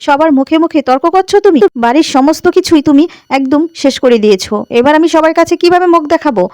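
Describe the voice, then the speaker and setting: A woman's voice: sits high, quick pace, darkish tone, dry recording, natural voice. Woman reading angry middle-aged uncle, harsh, scolding, dry close sound.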